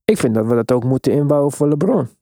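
A male sports host with a relaxed, dark-edged voice at middle pitch. He talks casually but emphatically and slips English sports terms into his speech. The sound is dry and close. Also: fast, no echo. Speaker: podcast host.

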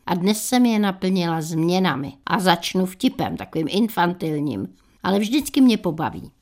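A woman in her sixties hosting a radio show, telling humorous anecdotes in a dry, unhurried way. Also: on the low side, big pitch swings, a little mellow. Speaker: radio host.

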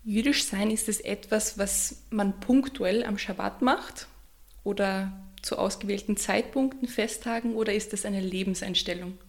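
A woman's voice: medium pitch, steady tone, moderate pace. A woman, interviewing and asking plain, direct questions.

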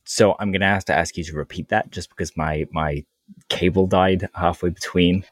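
A man with a very low voice co-hosts a casual podcast and explains things in plain terms, quick to laugh along. His sound is dry and close. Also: steady tone, dry recording. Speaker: podcast co-host.

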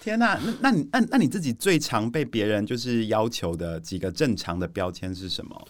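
A man's voice: lowish voice, animated, brisk, no room sound. A man hosting a podcast interview, asking attentive, playful questions. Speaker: podcast host.

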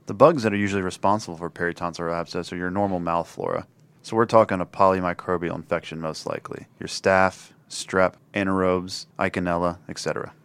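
A man's voice: low voice, steady tone, fast talker, gravelly, fairly bright tone, clean tone. A man co-hosting a scripted emergency medicine teaching podcast, upbeat when he talks about procedures.

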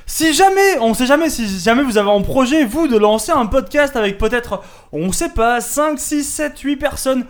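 High-pitched guy rambling on a podcast, lots of euh and restarts. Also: expressive, normal speed, hardly any pauses. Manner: rambling, many fillers and restarts. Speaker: podcast co-host. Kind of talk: casual roundtable chat.

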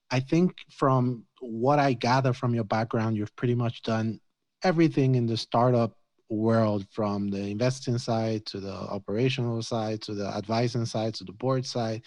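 Male podcast host, mid pitch, easygoing and chatty, dry close sound. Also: no room sound. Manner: relaxed, chatty with fillers. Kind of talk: casual interview conversation.

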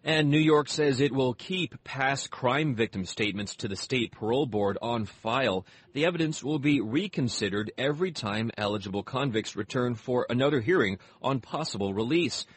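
A man with a husky voice reading a scripted radio news bulletin as an anchor. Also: medium pitch, animated, normal speed.

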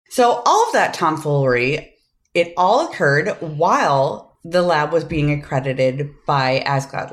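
A woman hosting a podcast, explaining a case in casual chat and swearing casually. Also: sits low. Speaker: podcast host.

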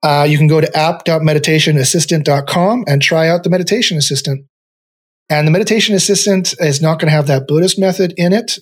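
A man in his forties, a podcast guest, guiding listeners through a meditation exercise in a rambling, repetitive way as he searches for words. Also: on the high side.

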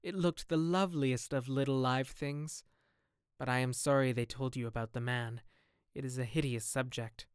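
A man playing a troubled young gentleman who speaks in a melancholy, anxious way. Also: medium pitch, fairly even intonation, normal speed, clear, resonant tone, no echo, studio quality, natural voice. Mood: weary, nervous.

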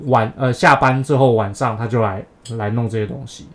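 Halting Taiwanese male podcast co-host. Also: mid-range voice, steady tone. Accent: Taiwanese Mandarin. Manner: halting, repeats words as he explains. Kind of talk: casual chat.

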